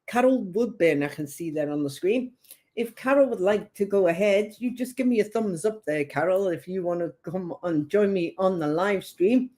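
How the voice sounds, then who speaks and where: A mellow, lowish-voiced woman with a light northern English accent carrying a hint of Geordie hosts a psychic reading live stream. She chats and rambles casually, laughing often.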